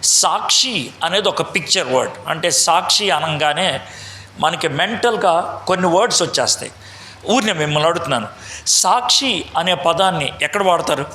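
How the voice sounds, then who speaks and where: A man's voice: fairly high pitch, animated, normal speed, pushed and bright, reverberant, a little hiss or hum. A man teaching a Bible lesson to a meeting, quizzing the audience and mixing in English phrases. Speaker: preacher. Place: large meeting hall.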